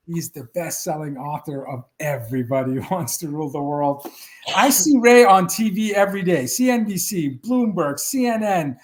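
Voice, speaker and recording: High-pitched man reading a formal intro. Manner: formal, reads prepared praise. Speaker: co-host. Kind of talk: scripted show introduction.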